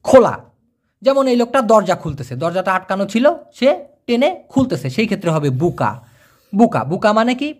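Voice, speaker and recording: A teacher, walking learners through new words one picture at a time. The pitch rises and falls a lot, and each new word is said twice or three times, with a quick "clear?" check to the viewer. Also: very animated. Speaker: Malay language teacher. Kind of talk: vocabulary lesson explained over pictures.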